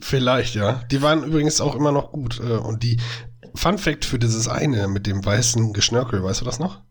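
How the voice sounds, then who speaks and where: A man's voice: medium pitch, moderate pace. A man in his mid-thirties co-hosting a podcast in casual chat, making dry, teasing short remarks. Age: 30s. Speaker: podcast co-host.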